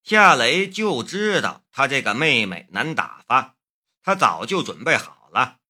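Husky, bright-toned male storyteller. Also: medium pitch, big pitch swings. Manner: measured storytelling. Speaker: audiobook narrator. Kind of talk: scripted narration.

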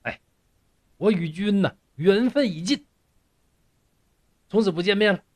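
A woman's voice: mid-range voice, very animated, moderate pace, breathy edge, voice pushed up. A male storyteller voicing an offended young woman who scolds her lover. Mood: cold. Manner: indignant scolding.

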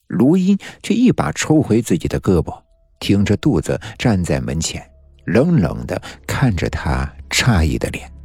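A man's voice: low voice, huge pitch swings, unhurried, creaky, a little mellow, breathy edge, no room sound. A man narrating a suspenseful story in a tense storytelling manner. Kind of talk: dramatic story reading. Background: faint music.

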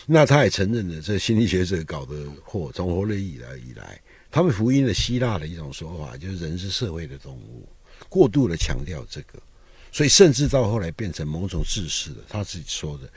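An older man talks through his ideas in a relaxed, discursive conversation. His voice sits very low with a husky edge, yet his pitch rises and dips with lively emphasis. The sound is close and dry. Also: a little fast, no echo. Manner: musing, discursive, with rising and falling emphasis. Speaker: guest writer. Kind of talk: reflective conversation.

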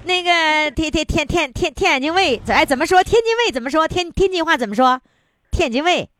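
A woman's voice: sits high, expressive, fairly quick, a bit bright. A woman hosting a radio call-in show, chatty and playful, laughing often.

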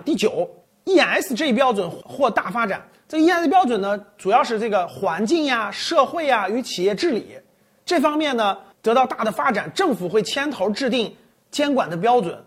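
Lively husky woman giving opinions. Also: on the high side. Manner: opinionated, weighs each point against own view; talks in loose phrases with restarts and fillers. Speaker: finance commentator. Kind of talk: casual spoken commentary on a list of forecasts.

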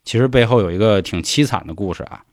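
A man's voice: fairly low pitch, quick pace, dry recording, clean studio sound. A man with a Beijing Mandarin accent telling an urban legend in a chatty, colloquial podcast style. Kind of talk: podcast storytelling.

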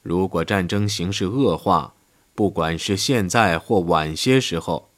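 A man reading a history audiobook in a steady scripted narration, lifting his voice for quoted speech. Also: low-pitched, unhurried.

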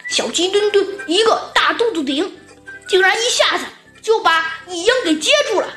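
High bright woman telling a children's story. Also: moderate pace. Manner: lively, chatty with filler particles. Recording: echoey room with background music.

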